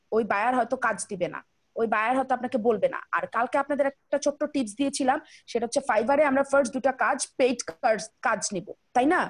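A young woman leads an online class over a video call. She talks fast and chattily in a slightly high voice, speaking straight to her students. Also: no room sound. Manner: chatty, colloquial, rapid, addresses students directly. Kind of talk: casual online class lecture.

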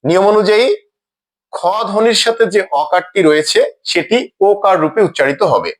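A man teaching a scripted grammar lesson in a slow, deliberate way, saying each example word twice. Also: high-pitched, lively intonation.

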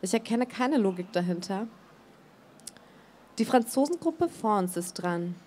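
Woman author, reading her novel aloud, calm and measured, mid-pitched voice. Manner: calm, measured, even delivery. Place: book fair stage studio.

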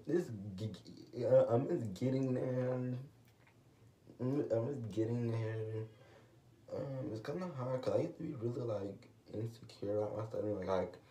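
Recorded by a camera placed below his face in a small room at home, a teenage boy chats casually and rambles in a vlog. He stutters, restarting often and using lots of fillers. The male voice is medium-pitched and dark, distant, off-mic, and echoey.

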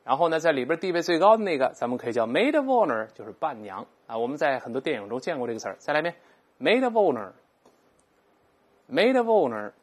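An English teacher, giving a recorded vocabulary lesson and explaining patiently, repeating each English word slowly aloud for learners. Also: medium pitch, big pitch swings, slightly rough.

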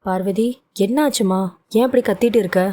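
A woman voicing a calm middle-aged husband asking his wife what is wrong. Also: mid-range voice, moderate pace, no room sound, close to an everyday voice. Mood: concerned.

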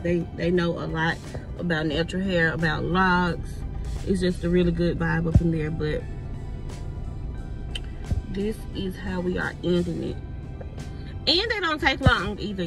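A young woman with a Southern American accent talks in a casual, chatty vlog style, addressing viewers directly. Her pitch sits in the middle of the female range. She is recorded on a phone inside a car, with music clearly heard behind her. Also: poor audio. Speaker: vlogger. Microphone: phone at arm's length.

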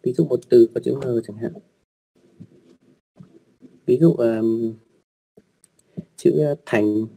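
Guy teaching an online class, dark gravelly voice, a bit husky, patient, repeats himself lots. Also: mid-range voice, slow pace, pauses often. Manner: patient, repeats words, polite particles, many fillers. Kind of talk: explaining writing rules to online learners.

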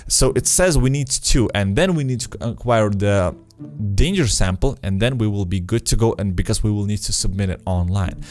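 A man's voice: fairly low pitch, normal speed, few pauses, a little mellow. A man in his twenties doing casual let's play commentary on a video game, speaking close to a desk microphone in a small room. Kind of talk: casual gameplay commentary, reading game dialogue aloud. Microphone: close desk microphone with headset. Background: game music.

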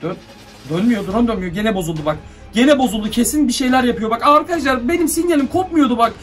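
A man's voice: very high-pitched, lively intonation, fast, fairly bright tone, far from the mic. A young man making a drone video, telling his viewers nervously about something strange he sees and muttering orders at the drone. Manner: frightened, jittery, talks to viewers, mutters commands to the drone. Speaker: YouTuber. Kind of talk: excited horror-drone vlog. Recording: voice from off the mic, light music behind.

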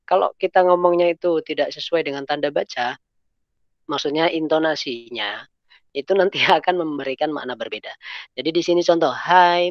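A man's voice: medium pitch, no echo. A male English teacher leading an online class, mixing English into his explanations and encouraging students. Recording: dull lo-fi online call audio.

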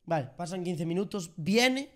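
High-voiced young Spanish man telling a story. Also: normal speed. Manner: animated, sound effects and slang. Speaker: streamer. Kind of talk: casual storytelling vlog.

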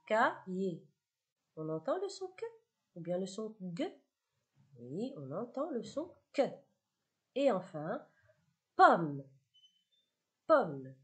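A woman teaching a primary school phonics lesson, speaking slowly, clearly articulating each word twice and praising the children often. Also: fairly low pitch, dark tone. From Morocco.

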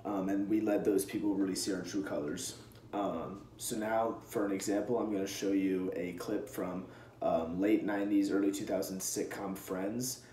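A young man giving an earnest class presentation, speaking close to a camera in a small room and filling pauses with many ums. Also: low-pitched, steady tone, dark tone, roomy sound, a little hiss or hum. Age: young adult. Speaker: student presenter. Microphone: camera close in front.

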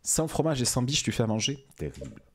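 A man's voice: medium pitch, sing-song, fast, fairly bright tone, a little hiss or hum. A man streaming a video game, joking and exclaiming as he plays. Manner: playful, jokey, exclamatory. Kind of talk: let's play commentary.

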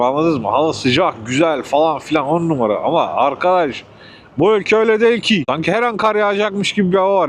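A man's voice: fairly high pitch, a little hiss or hum. A man from Turkey delivering food by motorbike and ranting in a casual vlog, irritated, swearing and sarcastic. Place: outdoors on a motorbike in city traffic.

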